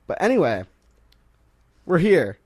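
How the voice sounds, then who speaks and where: Joking young male radio host, lively pitch. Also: slightly rough. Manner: joking, rambling, quick to laugh. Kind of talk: casual college radio banter.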